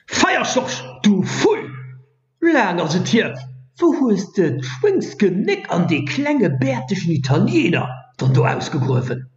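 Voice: mid-range voice, huge pitch swings, measured pace, echoey room, lo-fi sound, soft background music. A performer voicing a mocking, theatrical old wizard who teases and exclaims in a fantasy story. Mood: indignant. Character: tall bearded old wizard, mocking and gruff-humoured.

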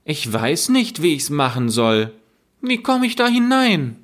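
A man's voice: a little high, big pitch swings, a little slow, pitched above the performer's own voice. A man voicing a young girl in a storybook reading, frightened but brave. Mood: feigning innocence.

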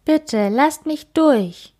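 A woman reading aloud and voicing a timid little preschool girl in a high, pleading, small voice. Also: animated, very slow, mellow, exaggerated voice.

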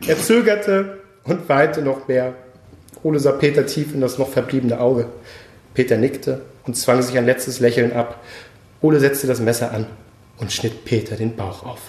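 A man hosting a podcast, reading his own dark story aloud in a slow, grave manner. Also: mid-range voice. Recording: roomy echo.

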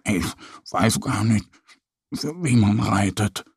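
A man voicing a shy, curious little bear cub in a soft, hesitant voice. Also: sits high, expressive, drawn-out words, gravelly, no room sound, clean studio sound, voice pushed up, exaggerated voice. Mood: timid.

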